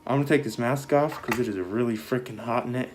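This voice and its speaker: A man's voice: mid-range voice, fast talker, soft background music. Man muffled inside a costume mask. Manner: rambling, loose, many fillers. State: short of breath in the mask. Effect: muffled through a full-face costume mask. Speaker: vlogger showing his costume. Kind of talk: casual show-and-tell.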